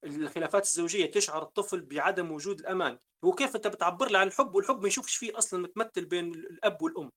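A man's voice: high voice, very fast, hardly any pauses, fairly bright tone. A man with a Libyan Arabic accent hosting a panel discussion, earnestly advising parents. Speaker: host.

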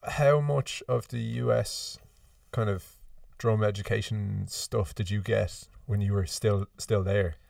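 A man hosting a podcast, asking questions with quick, enthusiastic, slangy reactions. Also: on the low side, steady tone, vocal fry, a little mellow, no echo, distant mic. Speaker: podcast host. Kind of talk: casual interview chat.

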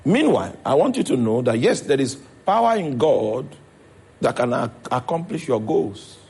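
Husky Nigerian preacher. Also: male voice, medium pitch, very animated, moderate pace, darkish tone. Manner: preaching, checks in with the congregation. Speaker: pastor. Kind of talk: sermon.

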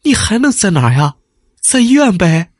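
A man's voice: high voice, big pitch swings, normal speed, slightly rough, no echo, clean studio sound, pitched above the performer's own voice, exaggerated voice. A man voicing a worried wife who scolds her injured husband in a raised, nagging voice. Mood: scolding.

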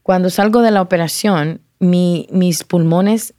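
A woman shares her testimony in a lowish voice. She talks in an emotional, halting way, restarting words and dropping into English now and then. The sound is dry and close, with no room around it. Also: warm tone, no room sound. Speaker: guest sharing testimony. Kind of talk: personal testimony in conversation.

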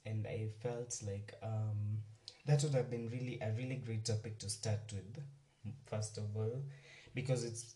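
A man, hosting a casual solo podcast, chatty and rambling as he talks warmly to his listeners. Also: on the low side. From Kenya. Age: 20s. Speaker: podcast host. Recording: roomy, distant mic, faint music.

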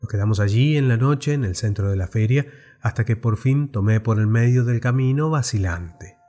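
A man narrating a story aloud in a measured, expressive reading. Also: medium pitch.

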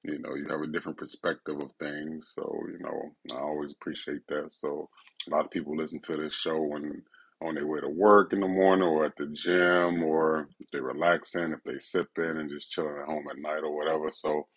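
A man hosting a casual, intimate solo podcast, speaking in a laid-back, personal way right in the listener's ear, with a gravelly, husky voice. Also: rumbling low, little pitch movement, brisk, a bit bright. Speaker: podcast host.

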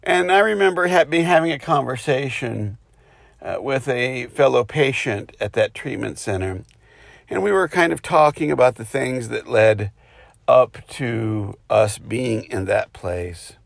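A man speaks slowly and reflectively, like a spiritual teacher talking off the cuff, with halting pauses. His voice is mid-pitched with a gravelly creak. The sound is dry and close, inside a car with rain hitting it. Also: expressive, no room sound. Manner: halting, reflective, unscripted delivery. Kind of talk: informal spiritual talk with personal stories.

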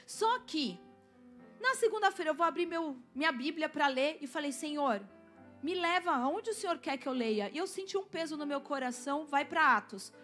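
High-voiced woman preaching. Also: expressive, normal speed, a bit bright, soft background music. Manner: storytelling, asks the congregation to respond. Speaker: pastor. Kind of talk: sermon with personal testimony.

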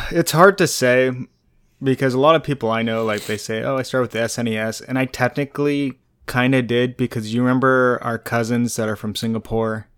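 Smooth-voiced, laid-back man chatting. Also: mid-range voice, fairly even intonation, fairly quick, fairly bright tone. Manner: laid-back, rambling, laughs often. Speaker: podcast co-host. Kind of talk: casual podcast chat.

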